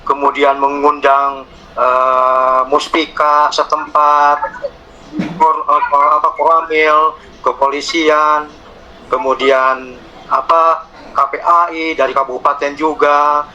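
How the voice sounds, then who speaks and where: Bright-voiced man moderating a meeting. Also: fairly high pitch, flat delivery, highs cut off. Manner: halting, many fillers. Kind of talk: online meeting facilitation.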